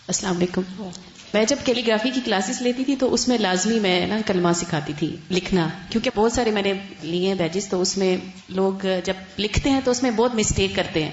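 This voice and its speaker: A woman's voice: medium pitch, a little hiss or hum. A woman student who once taught calligraphy, sharing an experience earnestly and instructively. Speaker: student, former calligraphy teacher. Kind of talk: sharing in class discussion. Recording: roomy, dull lo-fi classroom recording.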